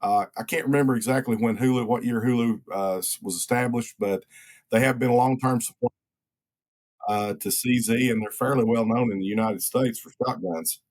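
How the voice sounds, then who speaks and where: Man, interview guest, engineer, measured, explanatory, conversational. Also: mid-range voice, darkish tone.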